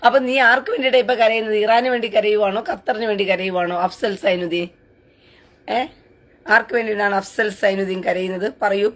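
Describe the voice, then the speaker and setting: A woman with a mid-range voice hosts a live-stream commentary, reading viewer comments aloud and responding in a taunting, sarcastic, crude manner.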